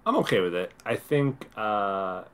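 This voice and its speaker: A man co-hosting a casual podcast, talking in a relaxed, rambling way with frequent restarts. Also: fairly low pitch, unhurried, clear, resonant tone. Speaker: podcast co-host.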